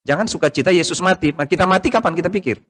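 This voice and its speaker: A man's voice: high-pitched, rapid-fire, a bit bright. A middle-aged man with an Indonesian accent preaching a sermon to his congregation in a conversational way, full of rhetorical questions. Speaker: pastor. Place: church service, streamed by video call.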